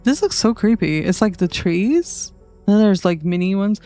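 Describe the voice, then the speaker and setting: A woman streaming a game playthrough, reacting excitedly, giggling and talking to her viewers. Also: mid-range voice, moderate pace, faint music behind.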